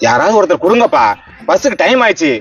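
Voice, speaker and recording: A man's voice: high voice, sing-song, quick pace, soft background music. A man acting a fussy passer-by who keeps begging two friends for change, in a whiny, pleading way.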